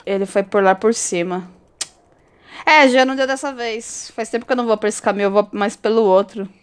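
A woman with a Brazilian Portuguese accent giving casual, expressive commentary over her own gameplay, chatty and quick to swear. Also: medium pitch, clear, resonant tone. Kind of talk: casual let's-play commentary.

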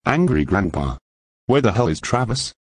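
Outraged cartoon man, voiced by a man, scolding, very deep, animated, dry close sound. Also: normal speed, husky, dry recording.

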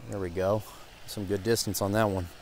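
A young man gives excited, casual running commentary to viewers while fishing from a pond bank, recorded on a head-mounted action camera outdoors. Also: lowish voice, normal speed, slight background noise. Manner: excitable, talks to viewers as guys. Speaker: fishing vlogger.

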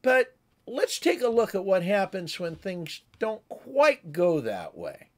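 This high-pitched man in his sixties speaks slowly, his pitch swooping wildly. He presents a conversational, instructive amateur radio tutorial, explaining things and demonstrating radio calls.

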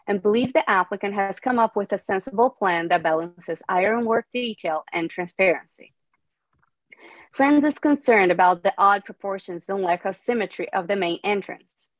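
A woman reading prepared testimony at a public hearing in a formal, measured way over a video call. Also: medium pitch, no room sound, low-quality recording. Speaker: public testifier for a preservation group.

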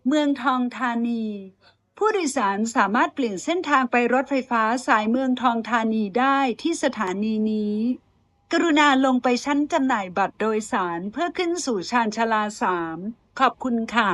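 A woman's voice: sits high, lively intonation, fairly bright tone, no room sound. A woman voicing recorded train announcements in a polite, formal, evenly paced way. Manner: polite, measured, evenly spaced phrasing. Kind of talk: formal bilingual transit announcement.

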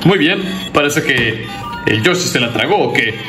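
A man's voice: mid-range voice, animated, normal speed. A man narrating a casual toy review in the role of presenter. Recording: roomy echo, music behind. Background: music.

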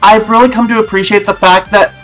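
A young man in casual gameplay chat, explaining things in a halting, conversational way. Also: sits high, flat delivery, fairly bright tone, soft background music. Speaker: gaming challenge player.

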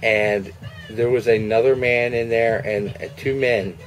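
A young man making a prank call in a casual, halting, earnest-sounding way, recorded on a webcam in a room at home. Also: mid-range voice, fairly even intonation, faint music behind. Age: young adult. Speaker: prank caller. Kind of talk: casual phone conversation. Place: small room indoors at home. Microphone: webcam at arm's length.

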